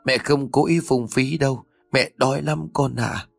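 A man's voice: medium pitch, a little slow, vocal fry, slightly rough, dry recording. A man narrating a story and voicing a frail, starving old mother over 70 who pleads in a trembling voice.

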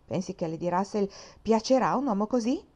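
A woman reading the part of a petulant, sarcastic young wife in a mellow voice, rising to a shrill insistence. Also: lively intonation, fairly quick, close to an everyday voice.

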